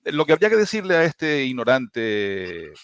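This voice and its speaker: Emphatic Canarian Spanish professor. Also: male voice, mid-range voice, sing-song, moderate pace, a bit bright, clean tone, no room sound. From Canary Islands, Tenerife. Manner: emphatic, impassioned arguing with many restarts and tag questions. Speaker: linguistics professor. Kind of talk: video-call panel discussion. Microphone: video call.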